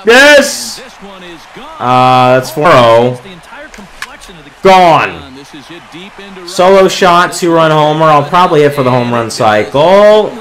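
A man giving excitable gameplay commentary, calling home runs like a sportscaster as he plays. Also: on the high side, slow, long pauses, low-quality recording. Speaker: gaming video creator.

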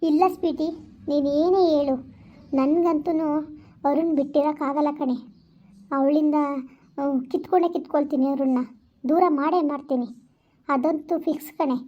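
A woman's voice: fairly even intonation, muffled recording, natural voice. A woman playing Kavya, a jealous scorned lover. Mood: brooding. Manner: reproachful, quick and high-pitched. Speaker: amateur skit actor. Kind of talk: village vlog skit acting.

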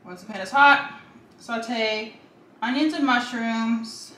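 A woman's voice: on the high side, takes it slowly, pushed and bright. A young woman casually narrating a cook-along in her home kitchen, chatty and thinking aloud as she goes. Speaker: cooking vlogger. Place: home kitchen with sizzling pan. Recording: echoey kitchen, faint noise.

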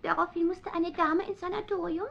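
A woman's voice: very high voice, fairly even intonation, brisk, creaky, slight background noise. A woman voicing a proud, condescending talking tomcat in a radio play, speaking in a haughty, lecturing way. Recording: dull lo-fi radio play recording.

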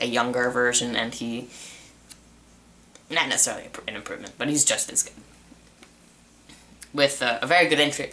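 A man's voice: medium pitch, bright, forceful tone. A young man giving a casual spoken review of a TV season, rambling with restarts and fillers. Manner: rambling, repeats himself with many restarts and uh fillers. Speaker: TV show reviewer.

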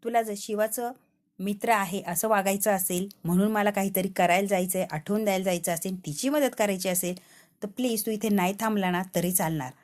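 A woman's voice: medium pitch, a little fast, darkish tone, natural voice. A woman voicing a young man about to marry who firmly tells an old friend to leave. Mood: cold. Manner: firm, dismissive. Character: young groom, cold and firm.

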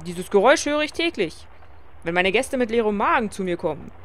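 A woman voicing a jovial male innkeeper from a rural inn, speaking in a hearty, booming way. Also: expressive, brisk, natural voice. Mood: proud. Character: jovial man, Bohemian innkeeper, warm and hearty.

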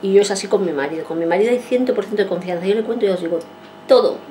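Rambling, mellow-voiced woman in her forties. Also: medium pitch, racing, a little hiss or hum. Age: 40s. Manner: rambling, repeats herself and acts out quoted speech. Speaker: vlogger. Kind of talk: casual storytelling to viewers.

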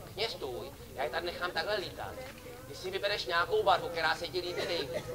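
A man performing as a street clown for children at an outdoor summer festival, joking and teasing volunteers from the audience. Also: a little high. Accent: Czech. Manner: playful, teasing banter with kids and audience. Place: outdoor festival stage before a crowd. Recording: lively crowd behind.

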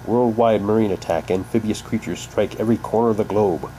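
Recorded indoors on a handheld camera's built-in microphone, this man chats casually through an unboxing, rambling, repeating things, and at times reading aloud. He speaks a little fast in a warm, fairly low voice, and the rough recording carries slight background noise.

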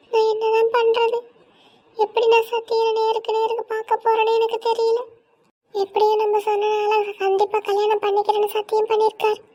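A woman doing a meek, tearful young heroine. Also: extremely high pitch. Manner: soft, pleading, tearful monologue. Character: meek young woman, mistreated stepdaughter, gentle. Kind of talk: cartoon voice acting.

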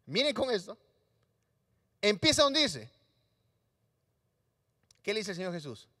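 Animated, high-voiced preacher. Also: male voice, measured pace. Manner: animated, acts out voices of Bible figures for the congregation. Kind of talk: sermon. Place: church hall. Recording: live stream in a reverberant hall.

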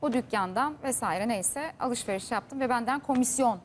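A woman's voice: a little high, moderate pace, a little hiss or hum. A woman presenting TV news, pressing her guest with questions on behalf of viewers. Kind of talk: TV news interview. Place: TV studio.

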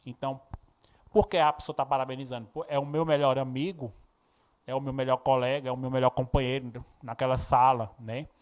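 A man with a Brazilian accent from the Northeast, speaking at a middling pitch as he teaches a recorded Portuguese lesson. He explains patiently and often checks in with his students. He reads poems aloud with expressive intonation. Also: a little fast. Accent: Brazilian Portuguese, Pernambuco. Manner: explanatory, frequent tag questions, expressive when reading poems. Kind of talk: recorded classroom lesson with poem readings.

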